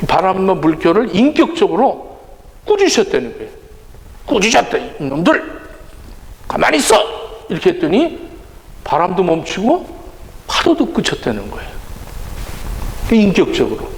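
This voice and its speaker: A pastor giving a sermon with animated delivery, addressing the congregation directly and acting out the voices he quotes. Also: high voice, slight background noise. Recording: echoey church hall with long reverb.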